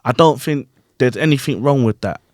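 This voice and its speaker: A man's voice: mid-range voice, moderate pace, dry recording, clean studio sound. A man hosting a podcast and chatting casually about performing, full of slang and check-ins with his guests. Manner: animated, slangy, repeats "you get what I'm saying". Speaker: podcast host and grime MC. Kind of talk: casual chat.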